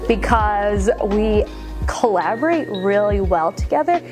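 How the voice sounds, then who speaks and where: A woman's voice: medium pitch, expressive, measured pace, over music. A woman teacher talking enthusiastically in an interview.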